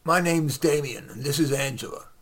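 A man reading aloud while voicing a loud, pushy male con man with a brash salesman's pitch. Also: moderate pace. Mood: boastful.

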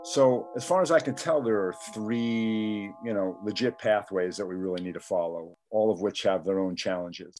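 A man with a fairly low voice talks through an investigation in a measured, explanatory way. He sounds conversational, and the video-call audio is a little thin and tinny. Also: a little mellow. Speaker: documentarian and podcast co-host. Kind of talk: conversational investigative podcast discussion.

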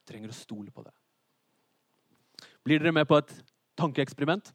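A man preaching a sermon to a congregation. He is lively and theatrical, asks the hall questions and builds up to shouts. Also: on the high side.

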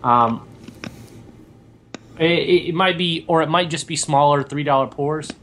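A man's voice: a little high, a little slow, fairly bright tone, slight background noise. A young man co-hosting a casual chat, talking in a rambling way with lots of fillers and restarts. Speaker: podcast co-host.

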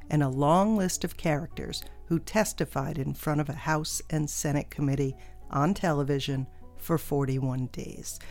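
Female podcast host, medium pitch, scripted documentary narration with faint music underneath. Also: a little mellow.

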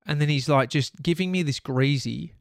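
A man's voice: fairly high pitch, normal speed, vocal fry, no echo, clean studio sound. A man with an Australian accent hosting a podcast, telling a personal story in a candid, rambling way and swearing freely. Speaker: podcast host. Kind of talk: casual storytelling monologue.

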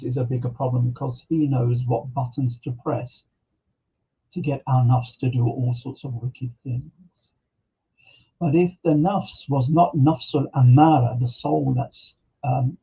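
A man's voice: medium pitch, dark tone, slightly rough, highs cut off. A man teaching an Islamic lesson on a podcast, reflective, with rhetorical questions and quoted Arabic scripture. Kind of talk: religious talk. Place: podcast studio.

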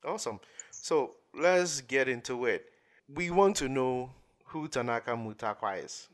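A podcast host greets his guest formally and courteously during an interview, though his speech is full of fillers and restarts. His voice is medium in pitch, with lively intonation and a slightly slow delivery.

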